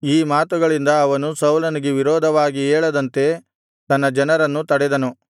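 Man reading scripture in an even monotone. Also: fairly high pitch, smooth, no echo, clean studio sound. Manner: steady, measured recitation. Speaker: scripture reader.

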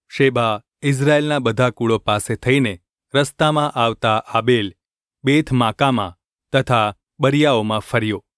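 A man reading scripture in a steady, measured narration. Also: mid-range voice, no room sound, clean studio sound. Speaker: scripture reader.

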